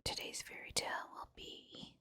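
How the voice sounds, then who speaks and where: Whispering woman reading a fairy tale. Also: pushed and bright. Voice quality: breathy whisper. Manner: storybook fairy tale narration, measured and deliberate. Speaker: host and reader of fairy tales.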